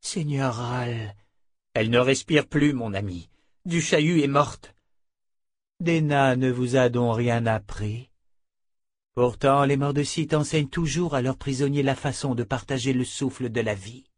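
A man's voice: medium pitch, a little slow, no echo, clean studio sound, lightly acted. A man reading an audiobook, voicing a stern young female warrior bodyguard who speaks bluntly and firmly. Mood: insistent.

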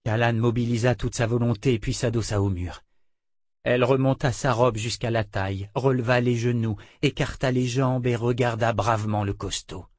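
This audiobook narrator is a man with a mid-range voice who tells the story at a measured, even pace. The sound is clean and studio-made, with no room sound.

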